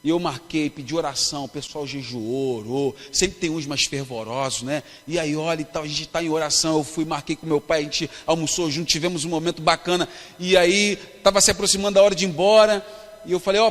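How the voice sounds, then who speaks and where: A man's voice: a little high, brisk. A man with a Brazilian accent preaching a sermon, telling a personal story and calling the congregation brothers. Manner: storytelling, emphatic, calls the congregation "irmãos". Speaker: pastor. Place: church hall at a youth congress. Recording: long reverb of a church hall.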